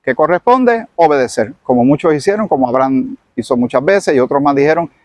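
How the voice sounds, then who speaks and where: Higher-voiced man preaching with dramatic storytelling. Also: animated, a little fast, a little mellow, dry recording. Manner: dramatic storyteller who acts out the scene. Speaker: Bible teacher. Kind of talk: sermon-style Bible teaching.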